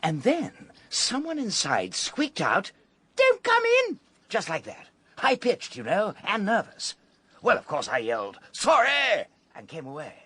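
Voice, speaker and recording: A flustered young gentleman in a 1920s radio mystery. His breathy voice leaps wildly in pitch as he gushes in jittery, upper-class chatter. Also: wildly swooping pitch, measured pace, no echo, full character voice. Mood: earnest. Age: young adult. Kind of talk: 1920s radio drama acting.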